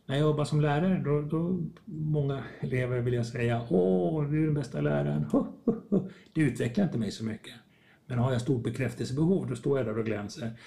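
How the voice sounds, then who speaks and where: A man's voice: medium pitch, mellow. A man talking as a podcast guest, reflective, often acting out small dialogues as he explains. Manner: reflective, acts out little dialogues. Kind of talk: conversational podcast talk.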